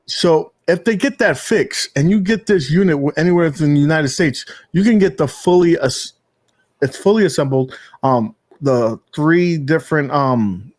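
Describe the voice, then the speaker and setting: A man hosting a gaming podcast in casual chat, rambling and animated, with casual swearing. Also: on the high side, moderate pace. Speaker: podcast host.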